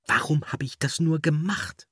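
A man's voice: a little high, moderate pace, fairly bright tone, husky, no echo, clean studio sound, pitched above the performer's own voice. A man doing a fretful, guilty beaver.

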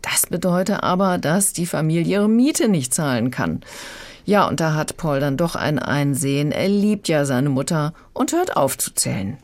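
A woman's voice: deep voice, lively intonation, normal speed. A woman critic chattily summing up a children's book on the radio. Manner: chatty, summarizing.

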